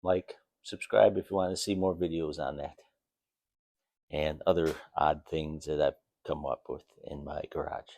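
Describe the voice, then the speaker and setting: A man's voice: a bass voice, steady tone, moderate pace, gravelly, darkish tone. A man giving a casual, plainspoken demonstration in a home garage workshop, talking informally while he works. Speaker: DIY video host.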